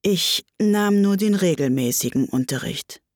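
A woman voicing a melancholy mock turtle in a storybook reading, speaking slowly with sighs. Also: mid-range voice, lively intonation, a little mellow, dry recording, studio quality. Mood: mournful. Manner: slow, sighing and plaintive. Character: melancholy sighing mock turtle, slow and mournful.

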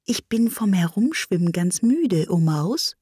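A woman's voice: fairly low pitch, big pitch swings, a little slow, mellow, breathy edge, no echo, studio quality, heavily acted. Woman doing an eager, chattering young girl.

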